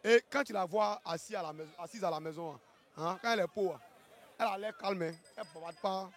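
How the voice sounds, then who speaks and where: An Ivorian man from Ivory Coast delivers colloquial live fight commentary in a high-sitting voice at a quick pace. He's excitable, repeating phrases and tacking on tag questions.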